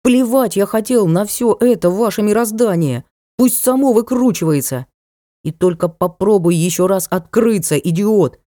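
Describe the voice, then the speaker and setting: A woman voicing a sulky, sarcastic young male dark lord in an audiobook, scornful and prone to yelling. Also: sits low, lively intonation, normal speed, no room sound, clean studio sound. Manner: petulant, scornful, bursts into shouting. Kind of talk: audiobook character voice.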